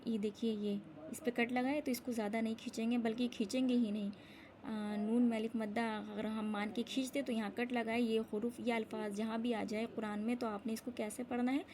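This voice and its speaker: A woman teaching Quran reading in a recorded lesson, explaining quickly and then reciting each word slowly and drawn out. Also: on the high side, flat delivery, a little mellow, a little hiss or hum.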